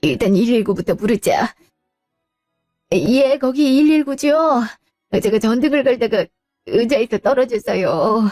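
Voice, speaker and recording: A woman's voice: on the high side, expressive, measured pace, dark tone, no echo, clean studio sound, faint music behind. A woman voicing a retired mother in her sixties, sighing and muttering complaints to herself in a radio drama. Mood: fretful. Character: retired older mother, hurt and proud.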